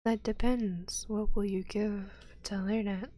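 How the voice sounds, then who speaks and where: A woman voicing a serene, devout female priestess of a fire cult, measured and softly solemn. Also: medium pitch, fairly even intonation.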